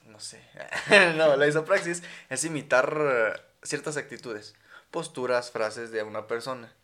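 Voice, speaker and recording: A man's voice: mid-range voice, a little slow, pushed and bright. A young man with a Mexican accent chats on a podcast, easygoing and full of slang. He tells stories with animation and laughs often, in an ordinary mid-range voice. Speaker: podcast co-host. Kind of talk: casual chat.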